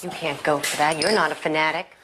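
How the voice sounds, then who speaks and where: A woman's voice: sits low, a little fast, natural voice. An actress playing a blunt, sarcastic young woman lawyer arguing with her family in a film drama. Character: sharp-tongued young woman lawyer, sister. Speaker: lawyer sister. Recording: film soundtrack with steady background noise.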